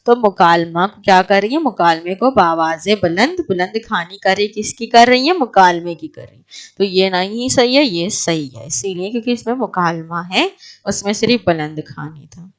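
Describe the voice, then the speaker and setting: A woman's voice: medium pitch, animated. A woman teaching an exam prep lecture, asking her class questions and then answering them herself.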